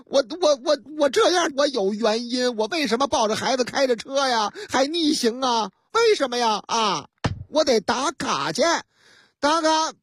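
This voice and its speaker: A woman's voice: high-pitched, expressive, slightly rough, no room sound. A woman voicing a flustered young dad, stammering. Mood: pleading. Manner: fast pleading rambling with stammered repeats. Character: flustered young father driver, pleading and rushed.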